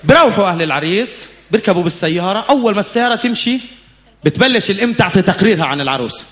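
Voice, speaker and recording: A man's voice: sits high, animated, very fast, fairly bright tone. A man with a Levantine Arabic accent doing stand-up comedy, telling stories as an escalating comic rant and acting out dialogue.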